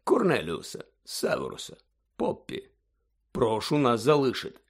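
A man voicing a calm, firm elderly male headmaster who speaks quietly. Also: medium pitch, normal speed.

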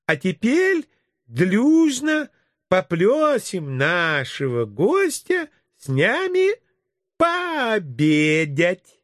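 Man putting on a sugary kindergarten teacher woman, slow drawn-out cooing, higher voice, lively swooping tone, storybook reading. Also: no echo, studio quality, full character voice.

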